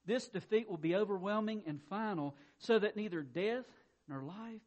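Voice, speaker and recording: Passionate man preaching with high voice. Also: moderate pace. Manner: swings from quiet reading to loud shouting; emphatic, repeats words when excited. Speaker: pastor. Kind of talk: sermon.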